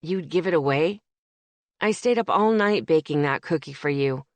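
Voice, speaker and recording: A woman voicing a suave, confident businessman who teases and then apologizes, with a lowered, smooth voice in an audiobook. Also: animated, moderate pace, no room sound. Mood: teasing.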